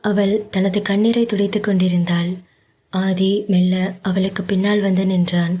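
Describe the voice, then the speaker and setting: A woman reading a romance story aloud in a slow, measured narration. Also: medium pitch, flat delivery, dark tone, husky. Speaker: audiobook narrator.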